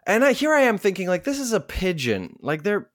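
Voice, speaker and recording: A man's voice: high-pitched, sing-song, dry recording, studio quality. A man co-hosting a podcast, telling a rambling, self-mocking story in casual chat. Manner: rambling, self-mocking anecdote with quick asides. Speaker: podcast co-host.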